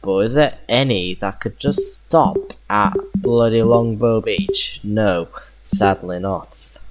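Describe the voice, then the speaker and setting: A man's voice: lowish voice, slow pace, over music. A man giving casual gameplay commentary, musing to himself as he goes. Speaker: gamer commentating on a train game. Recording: noisy game audio behind voice. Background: train and vehicle noise.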